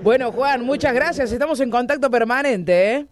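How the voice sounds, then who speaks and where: A man's voice: extremely high pitch, normal speed, a crowd in the background. A man with a Rioplatense accent hosting live sports radio from the studio, keeping his remarks brief and upbeat. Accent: Rioplatense Spanish.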